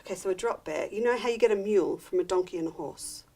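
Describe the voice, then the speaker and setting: An Australian woman chatting casually on a live craft show, teasing and quick to laugh as she presents quilting fabrics. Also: mid-range voice, dark tone.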